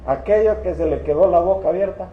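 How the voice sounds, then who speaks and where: A man's voice: high voice, fast, muffled recording. A man preaching in church, telling stories playfully and voicing the characters himself. The sound is echoey, from a church hall, with faint noise in the background. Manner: storytelling with humor, acting out biblical figures. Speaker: pastor. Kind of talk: sermon.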